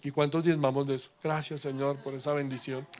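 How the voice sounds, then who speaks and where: A middle-aged man, preaching a lively sermon with humor and questions to the congregation. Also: medium pitch, a little fast. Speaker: pastor.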